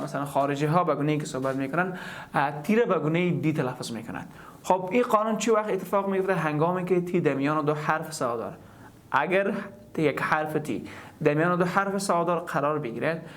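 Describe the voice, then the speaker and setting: A man with an Afghan Dari accent, teaching an English pronunciation lesson and explaining step by step as he repeats words to demonstrate. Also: on the high side.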